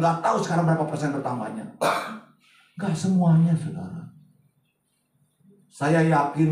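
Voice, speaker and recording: Pastor preaching in an echoey hall. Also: male voice, on the high side, distant mic. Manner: chatty, swings from loud to hushed asides. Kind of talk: sermon. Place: large church hall.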